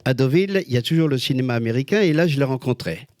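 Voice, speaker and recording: An older man, a guest, telling lively anecdotes with exclamations and quick voice changes. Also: mid-range voice, no echo. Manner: expressive storyteller, many voices and exclamations. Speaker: guest, celebrity lookalike. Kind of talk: animated anecdotal chat.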